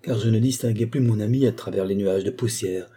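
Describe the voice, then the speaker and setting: A man reading a classic novel aloud in measured, literary narration. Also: on the low side, mellow, breathy edge. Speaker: audiobook reader.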